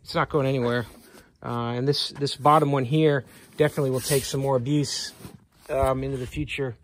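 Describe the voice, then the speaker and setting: A man with a medium-pitched voice talks briskly while hosting a casual how-to for his channel. He works outdoors by a vehicle, filmed on a handheld phone, explaining each step in a plain, relaxed way.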